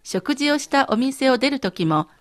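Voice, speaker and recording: A woman co-hosting a radio language lesson, modeling words with slow, careful pronunciation. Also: sits high, expressive.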